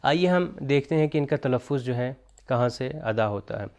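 Male recitation teacher, measured explainer, resonant clean tone, chants examples slowly. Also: mid-range voice, expressive, a little mellow. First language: Urdu. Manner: explanatory, mixes in English terms, slow chanted recitation of examples. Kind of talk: recorded pronunciation lesson.

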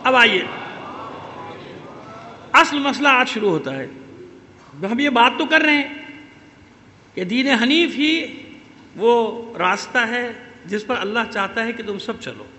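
A man's voice: extremely high pitch, lively intonation, long pauses, sharp tone. A male preacher, delivering an impassioned religious sermon to a congregation, full of rhetorical repetition and calls for responses. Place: large hall with congregation. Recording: reverberant hall.

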